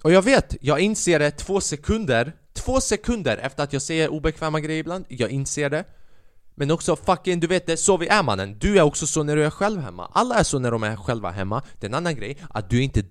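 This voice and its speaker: Animated swearing young podcast host. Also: male voice, on the high side, no room sound, studio quality. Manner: swearing, animated, acts out quotes. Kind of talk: casual solo podcast storytelling.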